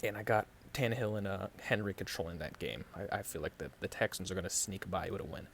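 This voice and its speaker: Podcast host, male, New York accent, lowish voice, loose halting sports chat. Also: vocal fry, a bit bright, a little hiss or hum. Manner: halting, lots of fillers and restarts. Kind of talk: casual sports predictions chat.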